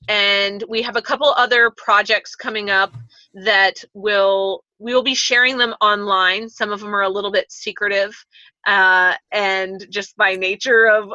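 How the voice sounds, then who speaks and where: Eager laughing woman guest, crisp bright voice, kinda dull dry audio. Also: mid-range voice, no echo. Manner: bubbly, laughs often, eager. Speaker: podcast guest, violinist and climber. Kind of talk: casual interview chat. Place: Seattle area.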